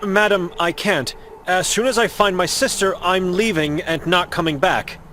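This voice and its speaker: A man's voice: high-pitched, normal speed, sharp tone, a little hiss or hum. A man voicing a young monk in a game who is searching for his sister, polite and earnest as he presses with questions. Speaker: game protagonist.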